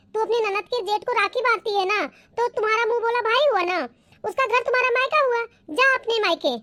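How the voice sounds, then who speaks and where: A shrewd older mother in a cartoon, voiced by a woman, high-pitched and dry. She coaxes and advises in a steady, patient way. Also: dry recording. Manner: coaxing, advising. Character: wise older mother, calm advice-giver.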